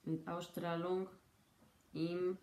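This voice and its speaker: Mexican lady doctor explaining stuff casually, kinda low voice, echoey room. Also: little pitch movement, a little mellow. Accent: Mexican Spanish. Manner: chatty, explains with examples and quick asides. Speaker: doctor teaching medical German. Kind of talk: casual spoken lesson.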